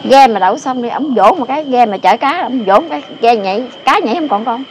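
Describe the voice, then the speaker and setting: A woman's voice: on the high side, expressive, quick pace. An older woman tells local stories in a rambling, emphatic way, repeating her phrases. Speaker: interviewee telling local lore. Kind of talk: casual storytelling. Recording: noisy outdoor ambience with passing vehicles.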